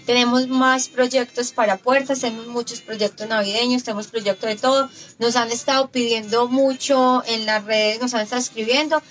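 A woman's voice: on the high side, steady tone, moderate pace, few pauses, a bit bright, rough recording. A woman hosting a casual craft tutorial, upbeat and announcing workshops and dates. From Colombia. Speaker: craft shop host.

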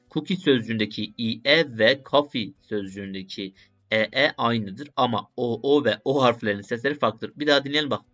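A man works through a study session out loud, repeating short phrases and muttering to himself in a relaxed, unscripted way. His voice sits at an ordinary middle pitch. The recording is muffled and lo-fi, with soft music playing faintly underneath. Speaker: language learner vlogger. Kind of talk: casual think-aloud study vlog. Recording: dull lo-fi sound with faint music.

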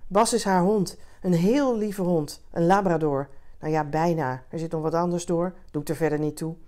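A woman's voice: lowish voice, normal speed, a little mellow, lightly acted. A woman voicing a talkative man in a bar who rambles, hesitant and heartfelt, as he grieves. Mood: fond.

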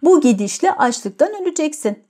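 A woman's voice: sits high, big pitch swings, moderate pace, mellow, voice pushed up. A woman voicing a proud, capricious young woman who mocks and scorns her suitor. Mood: scornful. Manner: mocking, scornful.

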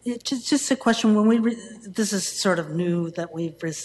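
A woman's voice: mid-range voice, moderate pace. A woman city councillor asking a question in a meeting, hesitant with many fillers and restarts. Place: council chamber. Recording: long reverb, faint room noise, council chamber.

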